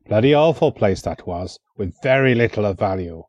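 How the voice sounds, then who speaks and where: A man's voice: fairly low pitch, lively intonation, normal speed, a little mellow, no room sound, highs cut off. A man voicing a menacing, mocking Welsh warlord prince with a Welsh accent and a taunting manner. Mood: sneering. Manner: sneering, taunting.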